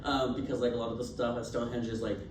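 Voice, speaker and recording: A young man races through a casual class presentation in a mid-range voice with little pitch movement, chatty, full of fillers, and quick to laugh. A distant recording device picks him up, so the noisy classroom sounds roomy and far away.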